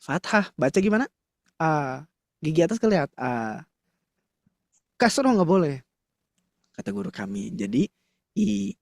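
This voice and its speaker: A man teaching Quran reading in an online class, demonstrating mouth shapes and chanting syllables in a casual, lively way. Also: fairly high pitch, measured pace, creaky, long pauses, dry recording, clean studio sound. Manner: addresses the mothers in class warmly and casually.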